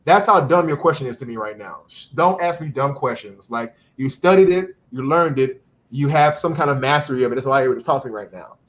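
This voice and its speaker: A young man speaks bluntly and with animation, telling stories as a guest on a podcast. He joins over a video call, and his camera sits at a distance in his dance studio. His voice sits at an ordinary pitch for a man. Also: a little fast. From United States. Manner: animated, blunt, plays out quoted exchanges. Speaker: dance company director, guest. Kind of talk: casual storytelling in a podcast interview. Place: dance studio in Atlanta, indoors.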